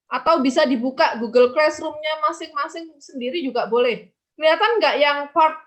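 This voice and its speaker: A woman's voice: sits high, normal speed. A woman teacher giving an online English lesson, asking and answering imagined student questions herself.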